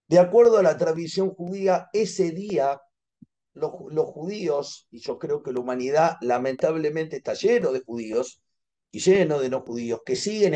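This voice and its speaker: Argentine guy teaching over a video call, mellow tone, slightly high voice, tells it like a story. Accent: Argentine Spanish. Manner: animated storytelling, repeats phrases for emphasis.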